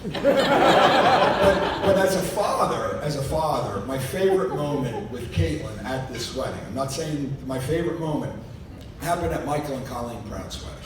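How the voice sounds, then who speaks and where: At a wedding reception in a large room, a man in his 50s or older gives an informal toast as father of the bride, speaking expressively and fairly quickly. He tells jokey family stories with acted-out quotes, recorded on a distant mic in an echoey, noisy hall with a low rumble.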